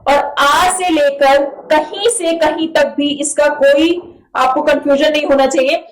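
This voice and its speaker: A woman's voice: high voice, steady tone, measured pace, poor audio. A woman teaching English grammar in a classroom-style lesson, repeating key points and checking with her students. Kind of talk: classroom lesson for exam aspirants.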